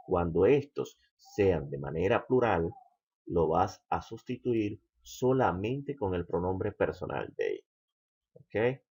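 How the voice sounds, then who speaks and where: A man teaching English grammar, slow and patient, checking in with the listener again and again. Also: sits low, vocal fry, mellow, husky. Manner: slow, patient, repeats "¿ok?" often. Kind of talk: explaining grammar.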